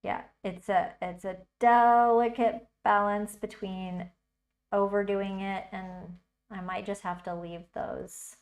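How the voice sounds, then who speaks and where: A woman's voice: mid-range voice, steady tone, slow pace. A woman hosting a casual art livestream, chatting and thinking aloud as she works, with frequent bursts of delight. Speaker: livestream host teaching digital art.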